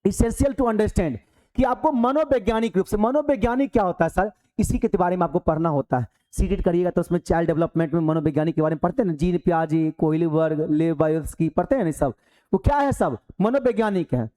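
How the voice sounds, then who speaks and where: Talking fairly quickly in a high, dark-toned voice, a man teaches a live online class from his coaching centre's hall. His style is chatty, full of rhetorical questions, and he imitates pupils as he goes.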